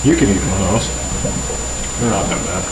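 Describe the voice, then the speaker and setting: A man's voice: low voice, expressive, moderate pace, crowd noise. A man talking in casual, slangy chat. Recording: very noisy home video.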